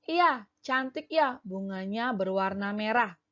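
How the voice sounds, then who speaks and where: A woman reading the lines of a sensible young schoolchild who explains the rules, slowly and plainly. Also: mid-range voice, expressive, highs cut off. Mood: explaining. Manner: reads dialogue aloud from a schoolbook. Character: young schoolchild Komang, sensible and rule-minded.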